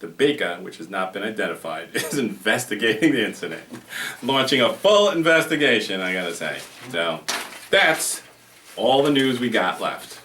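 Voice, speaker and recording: A man's voice: lowish voice, big pitch swings, moderate pace, sharp tone, far from the mic. A man hosting a loose comedic talk show, rambling and joking and laughing at his own lines. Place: room in a private house. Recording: echoey room, voice off-mic, faint noise.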